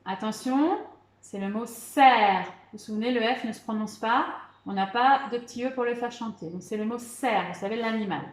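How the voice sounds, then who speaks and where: A woman's voice: fairly high pitch, moderate pace, echoey room. A woman teaching young children, patiently spelling words letter by letter and encouraging them as she goes. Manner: encouraging, repeats "d'accord" and "très bien". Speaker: primary school teacher. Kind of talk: remote spelling lesson for children.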